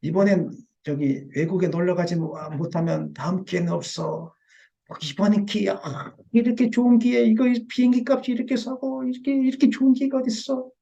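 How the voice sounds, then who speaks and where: A man's voice: high voice, fairly even intonation, brisk, gravelly, dark tone, dull audio, pitched above the performer's own voice. A male pastor voicing Satan as a tempter who keeps goading his listeners to pride and haste. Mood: tempting. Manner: insistent, needling, repetitive urging.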